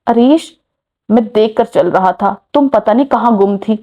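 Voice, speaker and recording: A woman's voice: fairly high pitch, unhurried. A woman voicing a bickering young man in a romance story. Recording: muffled lo-fi recording.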